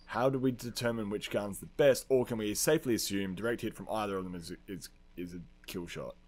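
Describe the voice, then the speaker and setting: A podcast host chats casually while debating film characters, making his arguments bluntly and with plenty of swearing. His voice is on the low side, brisk and somewhat dark.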